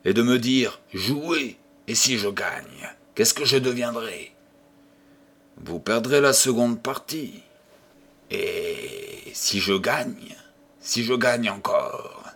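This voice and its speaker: A man's voice: mid-range voice, animated, slow, gravelly, breathy edge, exaggerated voice. A man voicing a raving old gambler. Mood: indignant. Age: older. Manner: wild swings from hushed whispers to furious outbursts. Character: raving old male gambler haunted by the devil.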